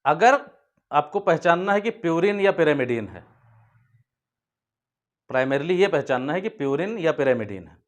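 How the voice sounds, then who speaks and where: A man's voice: on the high side, very animated, unhurried, pauses often. A man teaching a biology class, asking his own questions and answering them, and often calling the students "beta". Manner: repeats key points as questions and answers them; addresses students fondly as "beta". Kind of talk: whiteboard lecture for school students.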